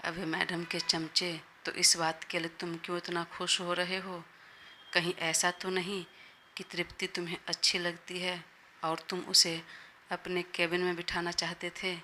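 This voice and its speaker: A woman voicing an irritable young male boss who scolds in a gruff way, in a Hindi audio story. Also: lowish voice, completely flat delivery, unhurried, sharp tone, a little hiss or hum.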